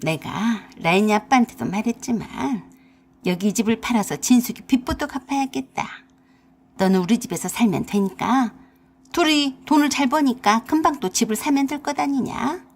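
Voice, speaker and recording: A woman's voice: fairly high pitch, moderate pace. A woman voicing a bossy, scolding older mother-in-law with an in a radio drama. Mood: demanding. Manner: harsh, nagging, scolding.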